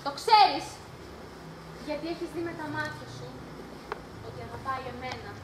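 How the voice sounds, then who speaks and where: A woman's voice: sits high, very noisy, lightly acted. A woman on stage playing a defiant, passionate youngest sister, declaiming fiercely, recorded live and echoey. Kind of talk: amateur stage acting.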